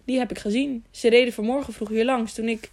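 Woman narrator doing an eager man chiming in, gravelly and mellow. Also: a little high, steady tone, a little fast, voice pushed up, lightly acted. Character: curious male traveller at an inn table. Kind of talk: audiobook character reading.

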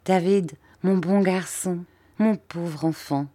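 A woman voicing a gentle, anxious young mother. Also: fairly low pitch, slow. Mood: tender.

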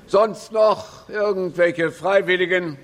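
Haughty, scornful professor. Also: male voice, high voice, fairly even intonation, takes it slowly. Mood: dry, condescending. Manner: scornful, formal, dry. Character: skeptical, dry, haughty male professor. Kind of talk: radio drama acting.

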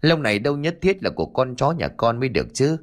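A man's voice: mid-range voice, big pitch swings, quick pace, close to an everyday voice. A man voicing a brusque middle-aged village man who talks down to a child. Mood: dismissive. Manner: brusque, condescending.

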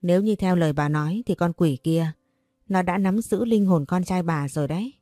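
A woman voicing a greedy, sly older male shaman who talks in a slow, knowing, wheedling way. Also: lowish voice, dark tone, dry recording, clean studio sound, faint music behind, close to an everyday voice.

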